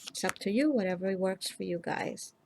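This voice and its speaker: A woman hosting a nail art tutorial, explaining each step in a calm, instructive way and speaking to viewers directly. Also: medium pitch, moderate pace, creaky, slight background noise. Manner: calm, instructive, addresses viewers as "you guys". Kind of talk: casual step-by-step tutorial narration.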